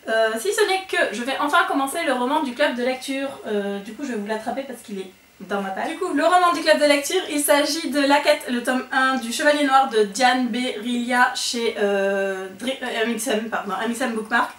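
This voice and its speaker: A woman's voice: high-pitched, moderate pace, fairly bright tone. A woman chatting casually through her monthly book wrap-up video, with lots of fillers and restarts. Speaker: book vlogger. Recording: echoey room, voice a bit far from the mic.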